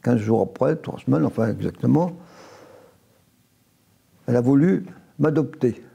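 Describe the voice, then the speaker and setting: A man in his nineties recounting his life in an interview, unhurried, often restarting and correcting himself. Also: medium pitch, expressive, creaky, warm tone, breathy edge. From France, grew up near Évian after early childhood in Italy. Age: 90s. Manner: unhurried storytelling with frequent restarts and self-corrections. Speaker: veteran interviewee. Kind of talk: oral history interview, recounting memories.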